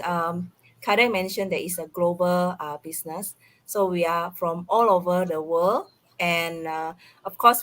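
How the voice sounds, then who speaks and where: A middle-aged Indonesian woman with an Indonesian accent speaks haltingly as a guest on a casual live online talk. Her pitch sits fairly low, and her tone is fairly bright.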